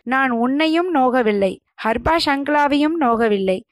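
A woman voicing a frail old male hermit who speaks in a soft, feeble, dreamy voice in a told story. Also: sits high, animated, unhurried, dry recording, clean studio sound. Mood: solemn.

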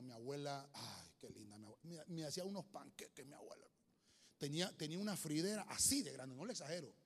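Man preaching in a reverberant hall. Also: a little high. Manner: storytelling with humor, swings from loud to hushed. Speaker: pastor. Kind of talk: sermon. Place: church hall.

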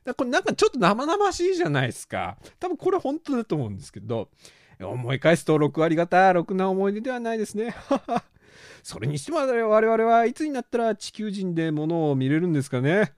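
A man's voice: high-pitched, a little fast, no echo, clean studio sound. A man hosting a solo podcast from a small room, reading listener letters and riffing on them with self-mocking humor and frequent laughter. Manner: animated, self-mocking, laughs often at his own jokes.

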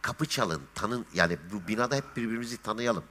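A man talks fast and with lots of swing in his voice, spinning little stories and slipping into the voices of the people in them. His tone is bright and forward, the easy manner of a guest swapping tales on a talk show. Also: on the low side, slight background noise. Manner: lively storyteller, acts out dialogue. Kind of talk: casual chat.

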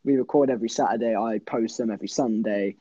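A young man chats casually on a podcast, winding through a story with restarts and fillers. His voice is mellow and dry, recorded close with no room sound. The audio is dull and lo-fi, like an online call. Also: lowish voice, fast talker, dry recording. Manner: rambling storytelling with many restarts. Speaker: podcast co-host. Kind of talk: casual chat.

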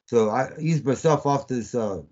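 A man calling in to a podcast, talking in a halting, rambling way with many fillers, over a phone line that keeps cutting out. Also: mid-range voice, darkish tone. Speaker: podcast guest on a phone call. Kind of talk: casual rambling account.

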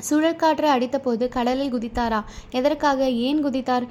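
A woman's voice: high-pitched, fairly even intonation, moderate pace, darkish tone, close to an everyday voice. A woman voicing a proud, fierce old male chieftain in a storybook reading, stern and commanding. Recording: dull lo-fi recording.

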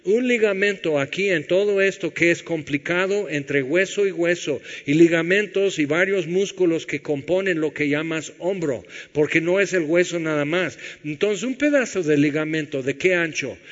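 A man's voice: fairly high pitch, moderate pace, few pauses. A man preaching a conversational sermon, firing rhetorical questions and acting out what people say. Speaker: pastor. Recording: dull sound in a reverberant hall.

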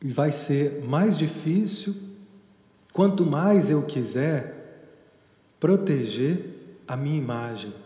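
A man, a psychotherapist, giving an unhurried reflective talk with long pauses and storytelling asides. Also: medium pitch, darkish tone. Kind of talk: reflective talk on therapy and leadership. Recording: echoey hall with long reverb.

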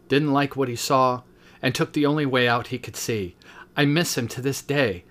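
A man in his fifties, a teacher hosting a podcast, reads his own book aloud at a steady pace and breaks off now and then for short spoken asides. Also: medium pitch.

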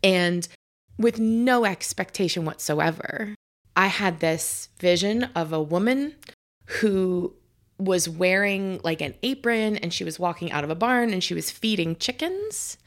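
A woman with a somewhat low-pitched voice hosts a relaxed conversation from her home kitchen. She rambles warmly through her stories, circling back with fillers and restarts as she goes. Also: a little slow. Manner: chatty storyteller with many fillers and restarts. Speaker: podcast host. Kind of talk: casual chat.

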